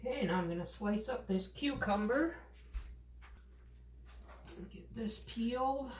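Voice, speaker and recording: Recorded from across the counter, this middle-aged woman, a home cook vlogger, talks herself through each cooking step in short, casual remarks. Her voice is a little high with lively intonation and an unhurried pace, and the echoey kitchen is noisy with clinking and chopping.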